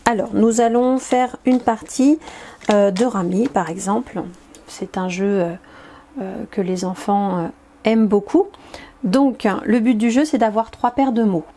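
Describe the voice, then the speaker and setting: A woman explaining and demonstrating an educational card game, in a hesitant, explanatory way with many filler pauses. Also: mid-range voice, mellow, slight background noise.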